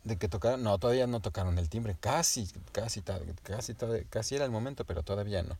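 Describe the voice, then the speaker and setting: A man telling a child an improvised bedtime story, gently and animatedly addressing the listener. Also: fairly low pitch, fast, slightly rough.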